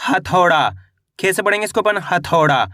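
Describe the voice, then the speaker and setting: A man with a high, bright voice teaches reading, sounding out each syllable slowly before joining them into a word. He keeps asking the viewer whether they follow. The recording is close and dry. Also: animated, no room sound. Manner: spells words out syllable by syllable, then checks with the viewer. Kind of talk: slow syllable-by-syllable reading lesson.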